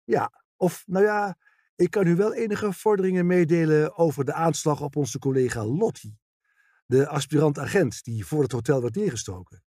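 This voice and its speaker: Narrator as an older detective, measured and polite, husky audiobook voice. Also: male voice, on the high side, mellow, no room sound, clean studio sound. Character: grey veteran police detective, patient and courteous.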